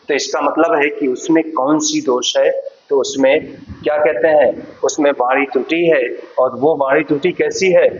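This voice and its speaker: A man's voice: a little high, dull audio. A male teacher giving an exam-prep lecture, explaining step by step and answering his own questions as he goes.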